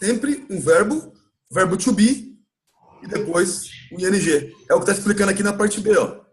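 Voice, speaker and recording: A man with a Brazilian Portuguese accent teaching English in a live class, explaining patiently and repeating words slowly to model pronunciation. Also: high-pitched, lively intonation. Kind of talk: live online class recap.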